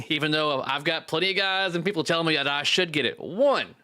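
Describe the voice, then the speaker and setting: A man hosts a casual live stream with a bright, forward voice in a dry, close-sounding space. He talks informally and chattily, like he is chatting with friends. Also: fairly high pitch, animated, moderate pace, no room sound. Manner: chatty, informal with occasional swearing. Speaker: host of a live pinball chat stream.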